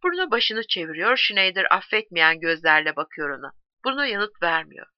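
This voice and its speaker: A woman reading a novel aloud in a measured, expressive way. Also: lowish voice, no echo, dull audio. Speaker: audiobook reader.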